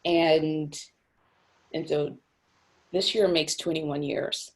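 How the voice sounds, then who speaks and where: A woman's voice: low-pitched, fairly even intonation, drawn-out words, breathy edge. A young adult woman from Cameroon, a nonprofit executive director, speaking thoughtfully in a video-call interview with frequent fillers and restarts.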